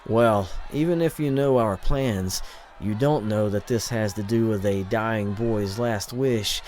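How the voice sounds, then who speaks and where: Grim serious crew guy, low slow voice, narrator barely changes it. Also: a little mellow, close to an everyday voice. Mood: grave. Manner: grave, insistent.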